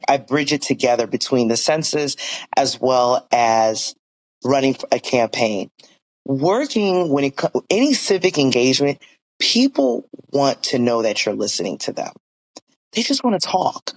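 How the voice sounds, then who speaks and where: A man's voice: mid-range voice, poor audio. A man in his forties from Virginia, talking earnestly and upbeat as a guest in a casual interview, with many "you know" fillers. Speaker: school board member, guest.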